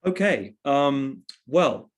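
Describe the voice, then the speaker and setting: A man's voice: medium pitch, sing-song, very slow. A man, a journalist being interviewed, telling a personal story in a reflective way and often restarting his phrases. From England. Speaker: interview guest, journalist and author. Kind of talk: conversational storytelling.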